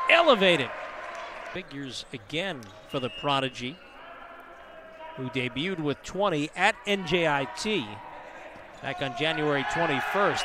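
High-voiced man calling live volleyball. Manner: brisk, rises to shouts on big plays. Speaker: play-by-play commentator. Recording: noisy arena broadcast feed. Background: gym ambience and ball bounces.

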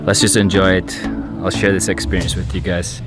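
A man's voice: low voice, flat delivery, brisk. A young man from Iceland, a travel vlogger talking eagerly to a camera held at arm's length outdoors by a beach. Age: young adult. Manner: enthusiastic, talks to camera. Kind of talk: casual travel vlog. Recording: music playing under voice.

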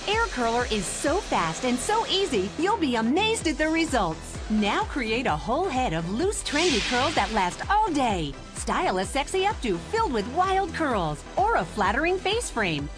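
A woman reading an upbeat, emphatic infomercial sales pitch as the announcer. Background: music.

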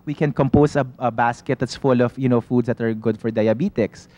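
A man's voice: medium pitch, steady tone, brisk, warm tone. A man, a shop owner and studio guest, patiently explaining health foods in casual chat, often saying "you know" and restarting his sentences.

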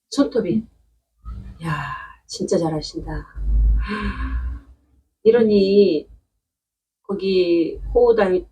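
A woman's voice: fairly low pitch, a little mellow, husky, far from the mic, low-quality recording. A woman unboxing succulent plants at home in a chatty, delighted way, exclaiming often. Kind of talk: casual unboxing commentary. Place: indoors at home.

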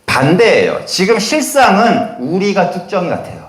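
Animated preaching man in an echoey room. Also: high voice, normal speed. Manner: animated preaching, acts out voices in quotes, addresses congregation directly. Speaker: pastor. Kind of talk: sermon.

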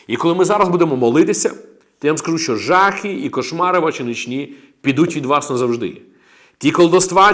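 A man preaching a sermon as a pastor, emphatic and declaring, breaking in with amens and praises. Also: on the high side.

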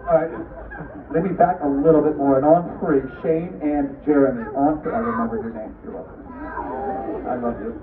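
A man's voice: fairly high pitch, steady tone, moderate pace. A man performing comedic live stage patter, projecting cheeky banter to volunteers and audience at an outdoor show. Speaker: street performer, unicycle stunt comedian. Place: outdoor wooden stage in woods at a fair. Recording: distant, tinny, echoey crowd phone video. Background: noisy outdoor audience.

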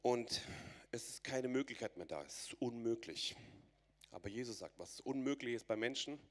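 German guy telling his faith story in church, urgent, keeps repeating himself, normal pitch. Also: animated, moderate pace. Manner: earnest and urgent, repeats phrases, restarts words. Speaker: church testimony speaker. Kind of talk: personal faith testimony to a church audience.

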